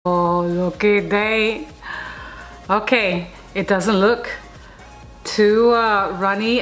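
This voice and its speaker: A woman's voice: mid-range voice, fairly bright tone. A woman talking casually as she cooks in her home kitchen, playful and chatty, and closing with a blessing. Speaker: cooking vlogger. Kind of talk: casual cooking vlog. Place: home kitchen under hot lights.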